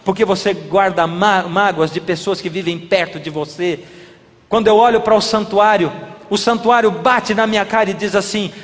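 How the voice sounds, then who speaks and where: A man's voice: sits high, normal speed, a bit bright. A man preaching a sermon, asking the audience many questions and acting out little dialogues. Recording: reverberant hall.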